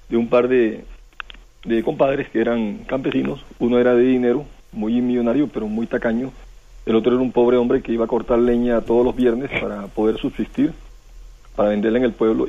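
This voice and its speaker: A man's voice: medium pitch, vocal fry. A man with a Costa Rican accent tells a folk legend on a radio program in a rambling way, full of restarts and questioning tags. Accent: Costa Rican Spanish. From Costa Rica. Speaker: guest storyteller. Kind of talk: relaxed radio storytelling. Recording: tinny phone line.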